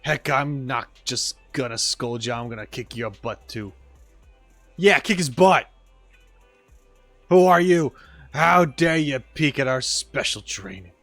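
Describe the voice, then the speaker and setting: A man's voice: medium pitch, expressive, takes it slowly, long pauses, a bit bright, no room sound, faint music behind, voice pushed down. A man voicing a blustering male robot soccer coach who scolds and insults his player. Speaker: streamer reading game dialogue aloud. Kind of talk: voice acting game dialogue on stream.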